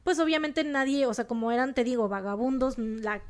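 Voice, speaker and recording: This young woman, co-hosting a podcast, speaks with the northern Mexican accent of Monterrey as she relates a true crime case, slangy and forceful, breaking into animated outbursts in a relaxed way. Her pitch sits high and she talks fairly quickly.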